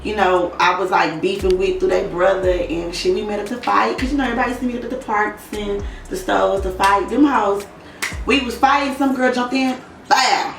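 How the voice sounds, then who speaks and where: A woman's voice: medium pitch, steady tone, moderate pace, far from the mic. A young woman from Oklahoma, telling her past as an interview guest in a candid, casual way, blunt and frank with plenty of swearing. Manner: blunt and profane, frank about hard past. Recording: roomy echo, voice off-mic, faint music behind.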